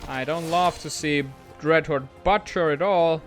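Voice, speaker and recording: This is a man with a notably high voice giving gameplay commentary. He talks quickly and excitably and pokes fun at himself. Faint background music plays beneath him. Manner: excitable, quick, self-mocking. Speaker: gaming channel host.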